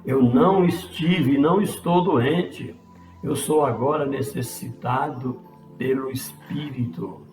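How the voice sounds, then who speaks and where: A man's voice: medium pitch, slow pace, a little mellow, close to an everyday voice. A man voicing an earnest young man pleading with his father, in a roomy space with faint music.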